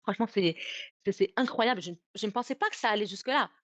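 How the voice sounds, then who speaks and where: A woman's voice: mid-range voice, quick pace, a bit bright, no room sound. A young woman telling a personal story on a livestream, emotional, repeating and restarting her words often. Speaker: guest storyteller.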